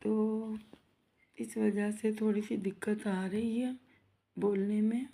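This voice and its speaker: A woman with a creaky, mellow, mid-range voice speaks slowly and at a level tone while hosting a home cooking vlog. Though her throat is sore, she chats warmly as she guides viewers through frying snacks in her kitchen. She refers to her audience as "guys" and asks them to subscribe.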